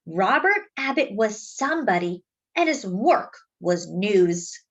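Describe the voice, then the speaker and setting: This storyteller is a woman at medium pitch, reading a children's book with lively expression, deliberate pacing of phrases, and lengthened words for emphasis. High frequencies are missing from the audio.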